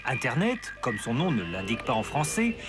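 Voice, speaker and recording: A man reading scripted documentary narration in a measured, explanatory way. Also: medium pitch, huge pitch swings. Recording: voice-over with music bed.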